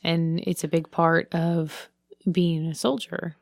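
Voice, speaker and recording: A woman with a very low voice full of vocal fry asks hesitant questions on a casual podcast. Her sound is dry and close to the mic. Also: level tone, slow, dry recording. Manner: questioning, hesitant, with many "like" and "I don't know". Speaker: podcast co-host.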